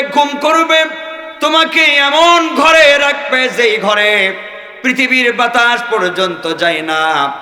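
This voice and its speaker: Man preaching, high bright voice, slow chanting delivery, echoey hall from far off. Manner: chanting sermon, swings from shouts to low singsong. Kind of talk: sermon to a crowd.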